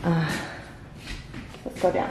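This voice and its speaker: A woman's voice: slow, background noise. A woman talking casually to her camera in a home vlog. She rambles, restarts sentences and searches for words as she goes. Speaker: vlogger. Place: at home, then in a car.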